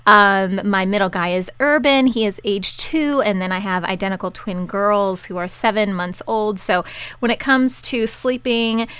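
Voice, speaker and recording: Brief: woman, fast and rambling, laughs easily, close dry mic. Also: mid-range voice, fairly bright tone, clear, resonant tone, no room sound. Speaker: media company owner, panelist. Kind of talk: casual chat.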